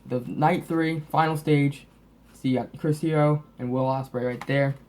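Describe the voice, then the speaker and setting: A sniffly, slightly sick man with a lisp from braces hosts a wrestling DVD collection update, rambling casually as he shows off his collection. His voice is a little high and darkish in tone, steady and at a moderate pace.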